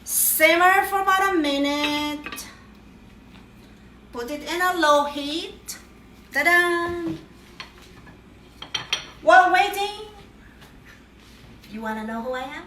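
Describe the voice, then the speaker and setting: Her voice is very high-pitched, bright and pushed, with lively intonation, a slow pace, long pauses and slight background noise. She's a middle-aged home cook vlogger giving a casual, jokey recipe demo full of cheery "ta-da" moments. The far camera picks up roomy kitchen echo and faint clatter.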